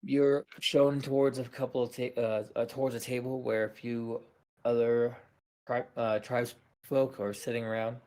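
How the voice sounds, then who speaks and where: A man narrating a tabletop role-play as game master, halting with many fillers and restarts. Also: medium pitch, little pitch movement, dark tone.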